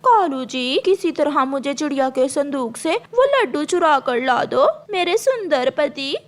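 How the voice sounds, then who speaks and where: A woman's voice: expressive, a little slow. Woman voicing Gauri, a greedy scheming crow. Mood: greedy pleading. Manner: wheedling, then shrill cries. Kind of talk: Hindi cartoon voice acting.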